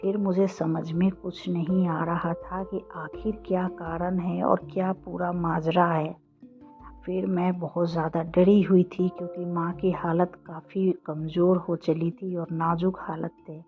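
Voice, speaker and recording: A woman narrating a first-person horror story, slow, flat and hushed. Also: on the low side. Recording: dull lo-fi audio with faint music.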